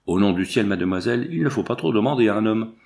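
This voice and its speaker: Eager stammering young guy in love, read by a man with a gravelly voice. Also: fairly low pitch, expressive, fast talker, darkish tone.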